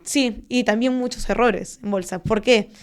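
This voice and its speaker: A young woman, a stock trader and finance content creator, explaining things in a measured way with frequent fillers and tag questions during an interview. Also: a little high, clear, resonant tone. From Peru. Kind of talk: conversational interview.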